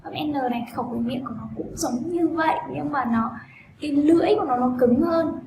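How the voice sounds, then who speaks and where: A woman teaching a pronunciation lesson, explaining patiently and drilling sounds in loud, repeated bursts. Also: high-pitched, a little fast. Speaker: English teacher. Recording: echoey room with steady background noise.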